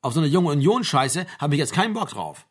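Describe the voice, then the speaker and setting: A man reading an audiobook, voicing an irritated young activist who is quick to take offense. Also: fairly high pitch, big pitch swings, slightly rough. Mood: annoyed. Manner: indignant, dismissive.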